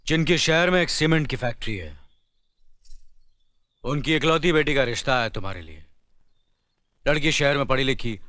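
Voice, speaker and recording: A man's voice: medium pitch, fairly bright tone, dry recording, studio quality, lightly acted. A man playing a dignified village elder brother. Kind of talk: 1990s Hindi film dialogue.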